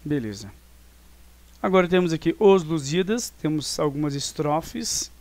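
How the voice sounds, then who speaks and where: Brazilian man, teacher, voice on the high side, dry close sound, chatty explainer. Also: lively intonation, moderate pace, a little mellow, no room sound. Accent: Brazilian Portuguese. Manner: explanatory, full of tag questions and fillers. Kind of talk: online class review lesson.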